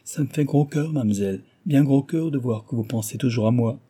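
A man's voice: mid-range voice, quick pace, mellow, slightly rough, pitched above the performer's own voice, close to an everyday voice. A man voicing a lovesick, glum Breton valet in an audiobook, talking plaintively. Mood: lamenting.

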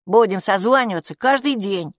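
A woman's voice: mid-range voice, normal speed, no echo, studio quality, voice pushed up, close to an everyday voice. A woman reading aloud, voicing a matter-of-fact, know-it-all young boy in a children's audiobook. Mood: confident. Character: clever, cocky young boy, the brother.

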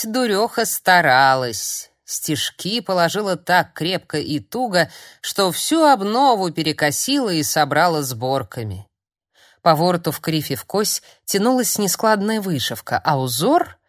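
Woman, audiobook storyteller, lowish voice, dry close read. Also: measured pace, no room sound. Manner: expressive, even storytelling. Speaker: audiobook narrator. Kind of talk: scripted story narration.

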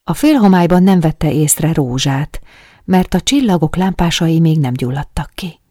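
A woman narrating an audiobook in a steady, measured way. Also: low voice, no room sound, studio quality. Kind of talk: audiobook reading.

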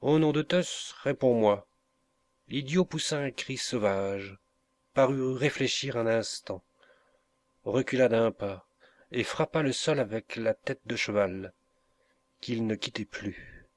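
A man reading a novel aloud as an audiobook, in a slow, measured way. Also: medium pitch. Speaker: audiobook reader. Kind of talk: scripted narration of a novel.

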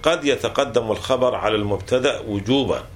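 A man's voice: mid-range voice, a little fast, a little hiss or hum. A man teaching a classical grammar text, explaining patiently and restating each rule several times with small self-corrections.

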